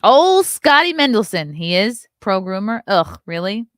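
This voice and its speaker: A woman in her thirties hosts a casual livestream, reading chat comments and reacting with blunt, sarcastic remarks and frequent swearing. Her medium-pitched, fairly bright voice swings widely in pitch, and she talks a little slowly. The recording is dry and of studio quality.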